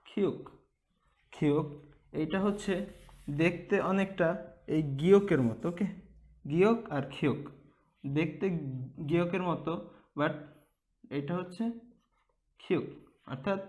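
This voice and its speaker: Slow, repetitive male language teacher. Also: high-pitched, darkish tone. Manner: drills each letter sound over and over, checks in with "okay?". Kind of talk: slow, repetitive Korean alphabet lesson.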